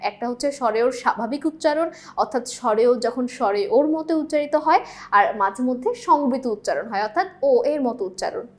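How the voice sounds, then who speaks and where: Young female tutor with a high voice, walks through answers step by step and checks in with the class often. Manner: explains step by step, often asks the class to confirm. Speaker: teacher. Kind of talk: exam-prep grammar lesson.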